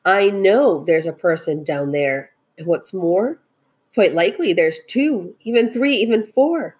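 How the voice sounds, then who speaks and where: A woman's voice: on the low side, animated, unhurried, darkish tone, breathy edge. Lady doing a kindly boy elephant from a kids story, earnest n pleading, really looking out for the little guys. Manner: pleading, sincere. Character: earnest, protective, gentle male elephant.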